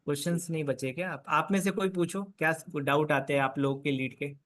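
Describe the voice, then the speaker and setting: A man's voice: fairly high pitch, steady tone, fairly quick, fairly bright tone. A man leading an online sales coaching session, prompting and encouraging his students. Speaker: sales trainer.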